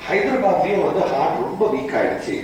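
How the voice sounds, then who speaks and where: A man's voice: sits high, big pitch swings, rapid-fire, darkish tone. A man in his forties with a Tamil Indian accent, explaining things to an audience in a didactic way, with short rhetorical questions. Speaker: doctor presenting at a hospital event. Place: stage in an event hall. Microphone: headset. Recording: echoey hall from far off, faint noise.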